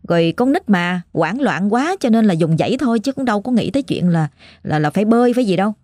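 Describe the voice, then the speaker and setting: A woman's voice: medium pitch, animated, fast, darkish tone, no echo, studio quality. A woman with a Southern Vietnamese accent, hosting and retelling a listener's ghost story in a chatty, exclamatory way. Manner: chatty and exclamatory, with frequent fillers. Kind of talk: casual spoken storytelling.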